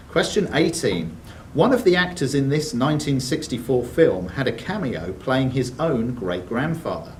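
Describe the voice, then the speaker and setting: Captured by a distant room mic with faint background noise, a man acts as quizmaster in a sports and social club room. He reads out quiz questions with brief banter in between, in a mid-range, expressive, slightly mellow voice at a measured pace.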